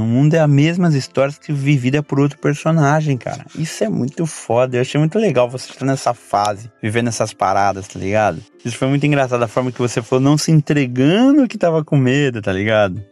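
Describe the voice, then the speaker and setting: A man's voice: medium pitch, fast talker, few pauses. Slangy Brazilian dad talking to his son. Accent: Brazilian Portuguese. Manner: slangy, rambling, animated when retelling stories. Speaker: father recording a birthday message. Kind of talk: casual spoken message to his son. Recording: faint music behind.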